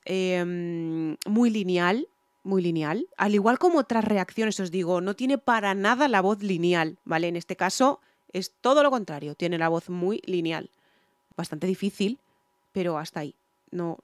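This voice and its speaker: An emphatic woman with a fairly low voice speaks at a moderate pace, with no room sound. She's a singer reviewing songs, giving a casual reaction and vocal analysis while repeating phrases for stress. Faint music from the song she's reacting to plays behind her.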